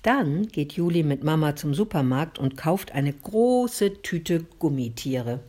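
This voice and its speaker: A woman reading a children's storybook aloud in a calm, gently expressive way. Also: deep voice, slow pace. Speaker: narrator.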